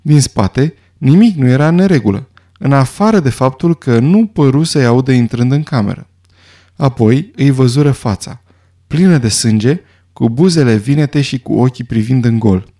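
A man reading a story as an audiobook narrator in a steady, even way. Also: medium pitch. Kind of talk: scripted narration.

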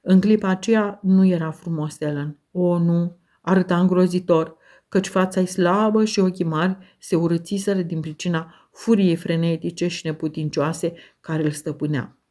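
A woman narrates an audiobook in first person with a mellow, warm tone. Her voice sits a little low and her delivery is measured and expressive.

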